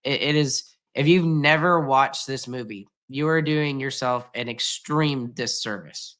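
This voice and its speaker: A man's voice: medium pitch, measured pace, a bit bright. A man co-hosting a casual podcast, a music teacher who talks emphatically and gushes as he urges listeners on. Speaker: podcast co-host; junior high music teacher.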